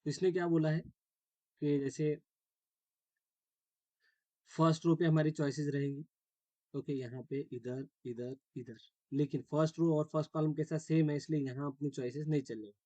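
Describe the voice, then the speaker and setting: A man lectures a math class with a slightly high, mellow voice. He walks through each step and keeps checking that his students follow. The sound is dry and close. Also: fairly even intonation, moderate pace, pauses often, no echo. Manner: explains step by step, checks understanding often; mixes English terms into Hindi. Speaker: math teacher.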